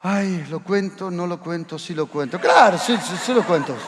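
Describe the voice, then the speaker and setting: Man, pastor, storytelling sermon, high voice, reverberant church hall. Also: moderate pace. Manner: storytelling, animated, rising to shouts. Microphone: handheld or stand microphone.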